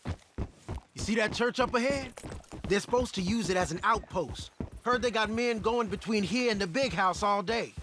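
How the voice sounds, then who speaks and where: An actor playing an eager, earnest young American outlaw in a Western video game. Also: male voice, high-pitched, moderate pace, fairly bright tone, a little hiss or hum. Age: young adult. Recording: outdoor nature and horse sounds behind.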